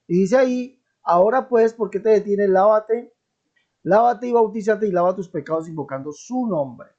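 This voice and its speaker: A man's voice: high-pitched, normal speed, darkish tone. A man giving an online Bible teaching commentary in an emphatic manner, repeating key phrases and often checking in with his listeners. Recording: dull lo-fi recording.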